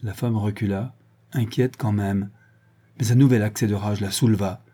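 A man narrating a novel in a measured literary reading. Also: on the low side, fairly even intonation, warm tone, breathy edge. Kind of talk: audiobook narration.

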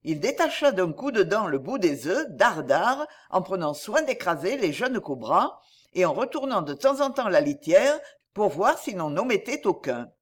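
A woman reads a storybook aloud with a measured, expressive delivery. Her voice sits at a middling pitch but moves lively up and down. The telling is steady and clear. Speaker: narrator. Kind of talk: storybook reading.

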